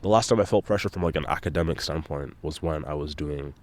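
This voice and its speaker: Very deep-voiced congested young man. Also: fast, a little hiss or hum. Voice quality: nasal. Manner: rambling, swears often, self-deprecating. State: congested nose. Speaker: solo podcast host. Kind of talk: casual rambling monologue.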